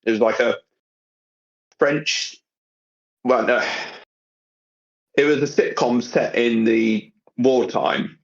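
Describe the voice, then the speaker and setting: A man's voice: mid-range voice, steady tone, slow pace, vocal fry, long pauses, lo-fi sound. A man from England guesting on a podcast, teasing the hosts with dry humor. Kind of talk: casual group podcast banter.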